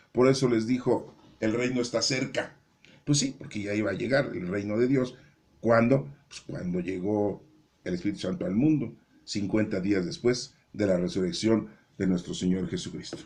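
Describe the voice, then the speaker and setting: A man with a fairly low voice talks through the day's scripture readings. His style is chatty rather than formal, with frequent "¿verdad?" and "¿no?" thrown in. Now and then he lifts his pitch to mimic a doubter. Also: darkish tone. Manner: conversational, keeps asking "¿verdad?" and "¿no?". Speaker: lay preacher explaining scripture readings. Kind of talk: informal Bible reading commentary.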